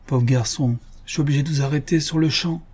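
A man voicing a brisk young frontier scout who gives curt orders, in a read-aloud adventure story. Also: a little high, darkish tone, breathy edge, voice pushed up. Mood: stern.

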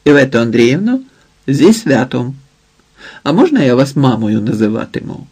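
Chatty jovial son-in-law, boisterous, husky edge, as a man does him. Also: medium pitch, moderate pace. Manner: lively, jovial, loud. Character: cheerful talkative son-in-law, joking and flattering.

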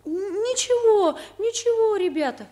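An actress playing a weak-willed, sheepish schoolboy truant in a children's drama, hesitant and plaintive. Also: female voice, high-pitched, expressive, slow pace, a little mellow. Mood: plaintive, evasive. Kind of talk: children's radio drama acting.

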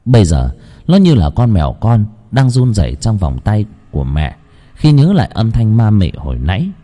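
A man narrates a ghost story with dramatic suspense. His voice is low, dark and husky. The pitch swings widely to build tension. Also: huge pitch swings, moderate pace. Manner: dramatic, suspenseful, wide-ranging delivery.

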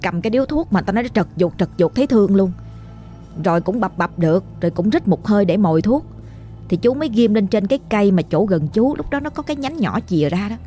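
A woman with a Southern Vietnamese accent, narrating a ghost story in an animated, exclamatory way. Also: mid-range voice, fast, faint music behind.

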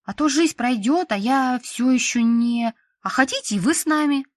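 A woman reading an audiobook, voicing a cheeky young female teacher who talks in an eager, excitable way. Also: high voice, moderate pace, dry recording, voice pushed up.

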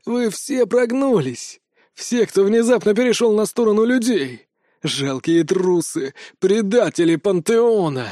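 A man voicing a sarcastic, whiny ancient male trickster god with a shrill, theatrical manner. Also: animated, moderate pace, warm tone, no room sound, studio quality. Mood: indignant.

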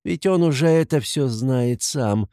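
A man's voice: medium pitch, unhurried, mellow, dry recording, studio quality, voice pushed up, close to an everyday voice. A man voicing a desperate, pious young woman who pleads and exclaims fervently in a storybook reading. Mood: anguished.

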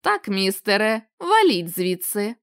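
A woman's voice: mid-range voice, sing-song, slow pace, fairly bright tone, no room sound, clean studio sound, exaggerated voice. A woman reading the part of menacing bouncers who speak curtly with a growl. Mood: gruff. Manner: gruff, growling, curt. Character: gruff, menacing casino bouncers.

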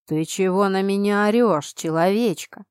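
A woman's voice: mid-range voice, moderate pace, darkish tone, no echo, studio quality, close to an everyday voice. A woman voicing a rude brutish dragon man. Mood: contemptuous. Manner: gruff, contemptuous. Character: brutish drunken male dragon, rude husband.

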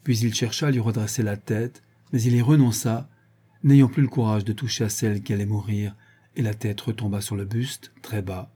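A man reading a classic novel aloud as an audiobook narrator, measured and theatrical. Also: lowish voice, steady tone, warm tone, slightly rough. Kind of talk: dramatic literary narration.

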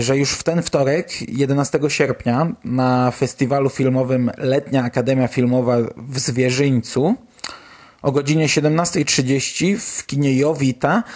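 Hosting his own podcast, a man delivers casual news commentary with colloquial enthusiasm. His voice sits mid-range and has a slightly dark tone.

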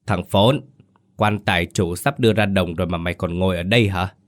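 A man voicing a sharp-tongued, scheming middle-aged village matriarch who scolds and speaks theatrically. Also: deep voice, fairly quick, lightly acted. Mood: scolding.

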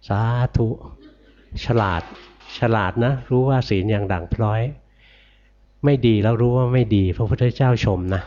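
An older monk giving a dharma sermon, gentle and repetitive, often asking his listeners questions and answering them himself. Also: on the low side, lo-fi sound. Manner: gentle, repetitive, ends phrases with soft particles. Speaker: Buddhist monk teacher.

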